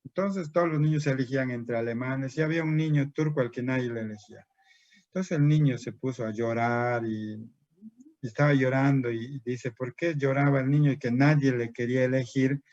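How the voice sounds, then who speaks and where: A man's voice: medium pitch, steady tone, brisk, a little mellow. A man lecturing a room of teachers, posing questions and then answering them himself. His voice sits in a middle range for a man. The recording is dull and somewhat lo-fi, with a dry sound and no room echo. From Peru. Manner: asks and answers his own rhetorical questions. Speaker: teacher trainer.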